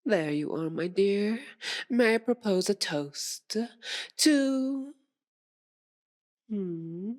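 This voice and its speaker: A woman's voice: medium pitch, lively intonation, drawn-out words, long pauses. A woman playing a seductive, possessive, sadistic vampire aristocrat in an ASMR audio roleplay, with a theatrical, purring, teasing formality. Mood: mock-hurt, menacing. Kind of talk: ASMR roleplay, dramatic monologue to listener.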